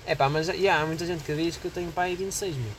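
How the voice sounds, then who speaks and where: A man's voice: fairly high pitch, steady tone, fast talker, a little hiss or hum. A young man with a Portuguese accent, chatting casually as podcast co-host, joking in slang and acting out people in his stories. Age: young adult. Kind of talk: casual chat.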